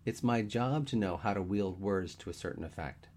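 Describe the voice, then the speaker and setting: A man voicing a wry, deadpan young man who teases his friend in a dry way. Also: low-pitched, moderate pace.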